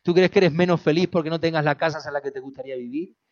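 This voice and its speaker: Brief: male preacher with a high voice, repeats his points, folksy jokes, muffled lo-fi sound. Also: quick pace. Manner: repetitive, calls listeners "beloved", jokey asides. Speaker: pastor. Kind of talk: sermon. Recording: dull lo-fi recording.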